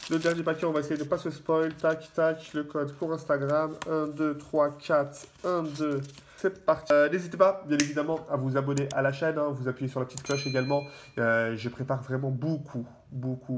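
A chatty man, his voice sitting a little high for a man. He talks casually and excitably, piling up fillers and repeating words as he goes, while card wrappers crinkle behind him. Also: slight background noise. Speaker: YouTuber opening trading card packs. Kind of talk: casual card-opening commentary.

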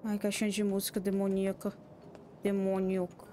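Over loud music, a Brazilian woman plays a horror game on stream, muttering casual commentary to herself in a Brazilian Portuguese accent. She speaks fairly quickly with a mid-range, completely flat voice, yet swears constantly and jumps at scares with loud exclamations.

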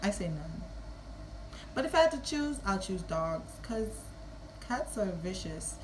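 A woman's voice: mid-range voice, big pitch swings, a little slow, background noise. A woman in her early twenties with a Kittitian-Nevisian Caribbean accent, chatting casually and playfully to camera. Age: early 20s. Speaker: vlogger. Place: small room at home.

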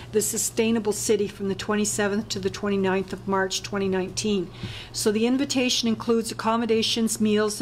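A woman chairs a town council meeting, talking through the agenda in a relaxed, halting way full of fillers and restarts. Her voice sits in a middle pitch. A faint hiss runs under the recording. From Canada. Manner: hesitant, many fillers, chatty aside. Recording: faint noise, council chamber.

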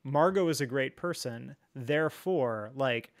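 A man with a mid-range voice and unhurried delivery appears as a podcast guest, candidly telling a personal story in casual conversation. He rambles earnestly and reflectively, leaning heavily on fillers like "like" and "you know."

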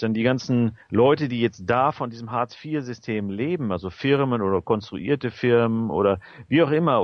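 A man's voice: medium pitch, no echo. A man hosting a radio talk show, speaking casually with many hesitations and fillers. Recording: dull lo-fi sound.

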